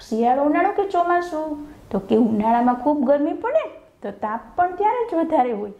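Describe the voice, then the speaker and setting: A woman's voice: high voice, big pitch swings, brisk, dark tone, reverberant, lo-fi sound. A woman teacher with a Gujarati accent giving a lesson to young children, asking questions and answering them herself, drawing out the answer words in dictation. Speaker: primary school teacher.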